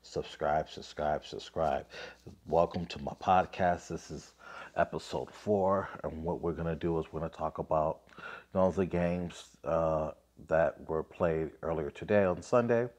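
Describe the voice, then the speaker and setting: His voice is very deep with a darkish tone and a measured pace: a man in his thirties, coughing as he recovers from a cold, hosting a laid-back basketball podcast. He reads scores aloud and rants offhandedly with many fillers, using a phone mic in selfie framing.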